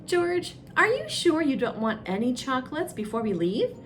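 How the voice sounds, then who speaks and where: Kindly, patient storybook man, read by a woman: gently instructing, lively intonation, lightish pitch. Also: moderate pace, slight background noise. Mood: cheerful. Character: friendly, patient man looking after a monkey in a storybook.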